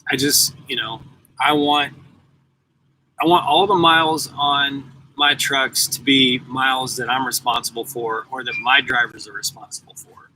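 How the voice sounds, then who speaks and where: A man's voice: mid-range voice, fairly even intonation, unhurried, sharp tone, slight background noise, poor audio. A man in his forties, a truck driver chatting casually and rambling to viewers on a live stream from his parked truck at the yard. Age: 40s. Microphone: laptop mic.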